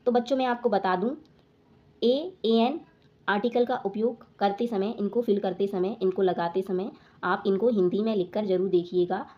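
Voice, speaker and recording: A woman teaching a grammar lesson to children, repeating each point slowly and asking if it is clear. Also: mid-range voice, fairly even intonation, highs cut off.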